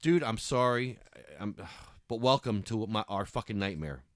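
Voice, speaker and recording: A man's voice: fairly low pitch, expressive, normal speed, slight background noise. A man hosting a casual call-in podcast, talking a caller through a website and getting worked up, swearing and apologizing. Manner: frustrated, swears and apologizes, flares up. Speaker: podcast host.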